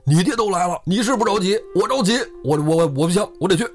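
A man voicing a rough, stubborn male outlaw, loud and pleading as he demands to see his mother. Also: sits high, animated, quick pace, faint music behind, voice pushed up. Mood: insistent.

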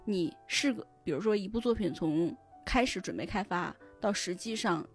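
A woman on a podcast panel discussing adaptations of novels explains things in a casual chat, adding frequent small affirmations. Her voice is mid-range and her pace moderate, with soft music in the background.

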